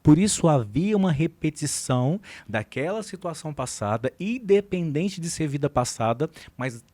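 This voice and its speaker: A man's voice: on the high side, normal speed, no room sound. A man with a Brazilian accent, a psychologist and hypnotherapist, telling a case story in a podcast interview and acting out both sides of the conversation. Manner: animated storyteller who acts out both sides of a dialogue.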